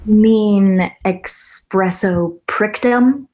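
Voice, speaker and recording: In a screenplay table read with poor audio, a woman with a medium-pitched, darkish voice speaks extremely slowly. She plays a blunt, teasing, eager young girlfriend with a brash manner, sounding exasperated and goading in foul-mouthed banter.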